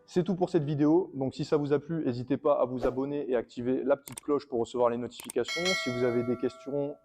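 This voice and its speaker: A man's voice: mid-range voice, fairly even intonation, fast, warm tone. A man coaching a workout in a casual, slangy tutorial, talking straight to his viewers. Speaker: fitness coach.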